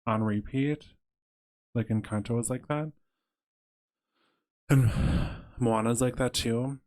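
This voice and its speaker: A man's voice: medium pitch, fairly even intonation, takes it slowly, darkish tone. A young adult man co-hosting a podcast, rambling playfully in casual chat and filling his talk with "like.". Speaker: podcast co-host.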